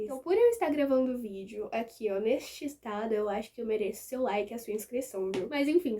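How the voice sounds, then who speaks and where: A young woman with a Brazilian accent speaks in a high voice. She hosts a personal video channel and talks straight to her viewers. Her delivery is explanatory, with firm emphasis on her points. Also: mellow. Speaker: YouTube host.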